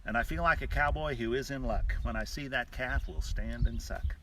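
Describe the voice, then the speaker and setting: Outdoors on a cattle ranch, a rancher hosting a live stream recites rhymed cowboy poetry in a measured, sing-song way, his mid-range voice a bit bright. The mic is distant and the audio is noisy with bawling, mooing cattle.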